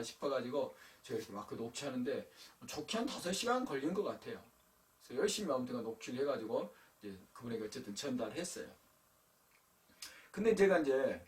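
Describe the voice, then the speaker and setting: A man's voice: mid-range voice, darkish tone, far from the mic. A man preaching a sermon to teenagers as their pastor, telling a personal story in a conversational way and speaking to them directly. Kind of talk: youth sermon. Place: church sanctuary.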